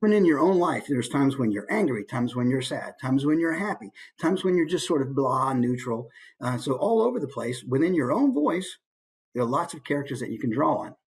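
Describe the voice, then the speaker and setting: This man, a voice actor, gives an informal instructional presentation, animated and using his voice to demonstrate points. He speaks at a medium pitch and a little fast.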